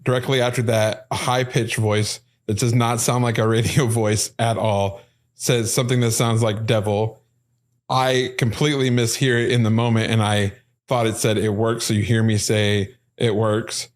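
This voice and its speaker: A man hosting a paranormal podcast, explaining recorded clips step by step in an excited, casual way. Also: lowish voice, moderate pace. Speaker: podcast host.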